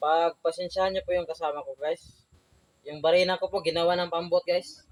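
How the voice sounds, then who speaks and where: A man's voice: a little high, fairly even intonation, a little fast. A young Filipino man from outside Manila, an electrician chatting casually through a job-site tutorial and saying "guys" constantly. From Philippines, outside Manila. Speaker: electrician vlogger.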